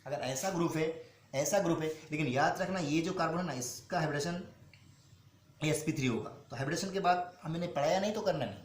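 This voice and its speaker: Echoey teacher repeating questions himself. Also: male voice, fairly high pitch. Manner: repeats questions and answers them himself, calls students "beta"; slows down to spell out formulas. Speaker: chemistry teacher. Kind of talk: classroom-style teaching. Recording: echoey room with faint noise.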